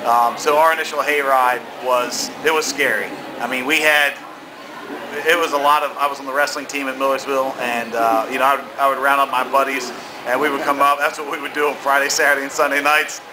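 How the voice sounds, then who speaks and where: A man's voice: mid-range voice, flat delivery, fairly quick, background noise. A middle-aged American man talking casually in an interview, rambling and repeating himself with emphasis. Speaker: haunted attraction founder being interviewed.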